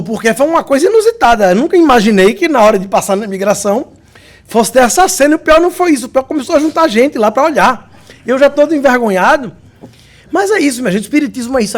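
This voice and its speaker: A Brazilian man giving a good-humored spiritist lecture, telling anecdotes. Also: sits high. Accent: Brazilian Portuguese. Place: lecture hall.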